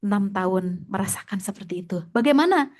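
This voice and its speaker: A woman's voice: mid-range voice, expressive, a little fast, a little mellow. A middle-aged woman, an Islamic teacher giving a religious talk, telling the story vividly, dropping to whispers and rising to exclamations.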